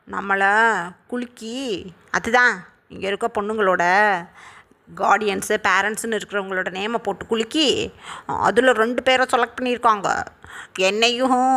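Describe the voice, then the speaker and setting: A bossy old village grandmother, chatty and teasing, scolding in a fairly high voice, as a woman narrator puts her on. She rattles on in a storytelling voice-over, boastful and sure of herself. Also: a bit bright, lightly acted.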